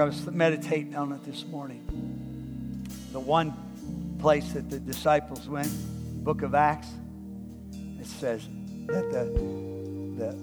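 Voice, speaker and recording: A man's voice: fairly high pitch, big-room sound. A man in his sixties preaching a sermon as pastor, exhorting the congregation in call-and-response. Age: 60s.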